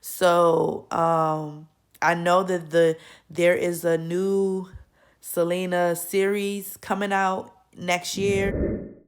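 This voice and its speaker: A woman's voice: lowish voice, level tone, drawn-out words, clean tone. A young adult woman vlogging casually while congested from a cold, rambling with fillers and frequent self-corrections. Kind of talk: casual opinion vlog.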